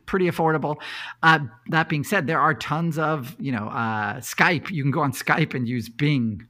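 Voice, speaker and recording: A man talking as the guest expert on a podcast, relaxed and chatty, with many fillers and easy laughs. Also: fairly high pitch, moderate pace. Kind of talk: casual podcast chat.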